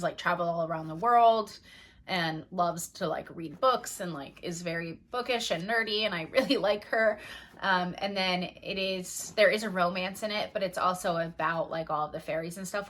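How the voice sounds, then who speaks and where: A woman's voice: fairly low pitch, fairly bright tone. A young adult woman chatting casually about books she read, rambling and full of fillers. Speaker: book vlogger. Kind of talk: casual reading wrap-up chat.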